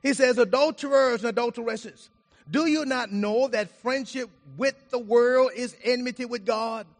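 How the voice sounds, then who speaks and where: A man's voice: very high-pitched, moderate pace. A man preaching a sermon, reading scripture aloud and explaining it, his volume rising and falling for emphasis. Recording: reverberant hall.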